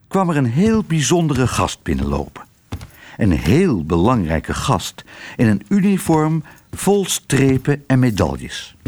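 A man narrating a children's storybook in an expressive way. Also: medium pitch. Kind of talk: storybook reading.

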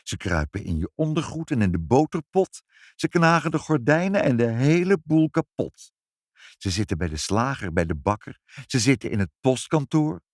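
A man's voice: normal speed, no echo, studio quality. Een man die een bezorgde, levendige moeder uit een voorleesboek doet. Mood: lively recital. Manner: animated, high, expressive. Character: lively, caring mother in a storybook.

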